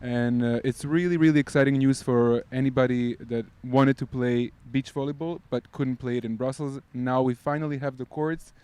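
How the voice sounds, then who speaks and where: Smooth-voiced man explaining at length. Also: mid-range voice, steady tone, moderate pace, hardly any pauses, a little mellow. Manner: explains at length with many fillers. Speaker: podcast guest. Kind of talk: casual podcast chat. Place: outdoors by beach volleyball courts.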